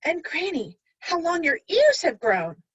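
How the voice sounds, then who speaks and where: A woman reading a storybook as an innocent, caring little girl, with slow, wide-eyed wonder. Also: very high voice, wildly swooping pitch, a bit bright, distant mic, dull audio, voice pushed up, full character voice. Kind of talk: children's storybook read-aloud.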